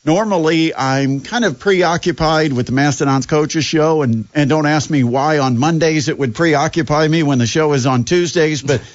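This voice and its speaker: A man's voice: on the high side, normal speed, hardly any pauses, dry recording, highs cut off. A man hosting a sports radio show, talking casually with sarcasm and plenty of fillers. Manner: sarcastic, chatty, lots of fillers.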